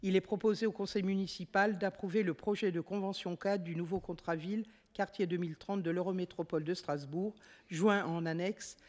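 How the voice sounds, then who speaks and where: Woman councillor, formal report read aloud, measured and steady, long chamber reverb. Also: lowish voice. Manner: steady, measured reading with occasional self-corrections. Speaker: municipal councillor presenting a motion. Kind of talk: formal reading of an administrative report.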